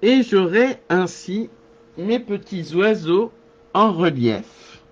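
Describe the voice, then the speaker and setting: A man's voice: high voice, expressive, muffled recording. A man giving a live card-making tutorial, thinking aloud as he works and answering viewers. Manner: slow, thinking aloud while working.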